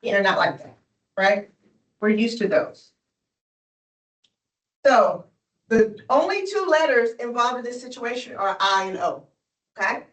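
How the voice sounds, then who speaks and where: A slow-speaking woman leads a one-on-one phonics lesson, gently encouraging and checking in with her student. Her voice sits a bit high and comes from a distance in a roomy space. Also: expressive. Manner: patient, encouraging, checks with "right?". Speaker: reading tutor.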